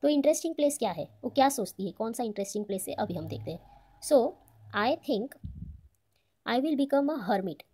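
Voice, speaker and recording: An Indian woman teaching a children's textbook lesson. She reads English lines slowly and then explains them in casual Hindi, asking and answering her own questions for the kids. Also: on the high side, lively intonation, mellow, breathy edge.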